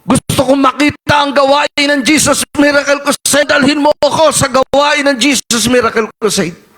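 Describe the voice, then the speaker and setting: A man's voice: extremely high pitch, steady tone, normal speed, a bit bright. A male preacher voicing a desperate grieving father in his sermon story, praying earnestly for rescue. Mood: pleading. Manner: earnest, pleading prayer.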